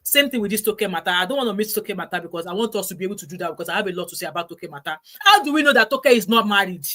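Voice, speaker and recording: A woman's voice: mid-range voice, expressive, racing, fairly bright tone. A Nigerian woman in her forties hosting a casual live stream, reading viewer comments in an emphatic, chatty way and dropping in pidgin words. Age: 40s.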